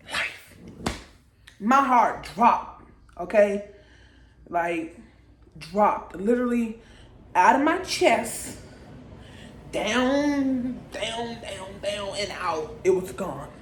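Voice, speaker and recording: A woman's voice: medium pitch, slight background noise. Young woman telling a story, roomy sound. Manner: conversational, frequent "okay?" and "like" asides to viewers. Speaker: vlogger. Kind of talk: casual personal storytelling to camera. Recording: roomy echo.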